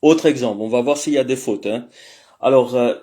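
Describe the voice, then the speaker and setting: A man's voice: medium pitch, brisk, mellow. A man giving a casual spoken language lesson, hesitant and thinking aloud with many fillers. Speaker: language teacher.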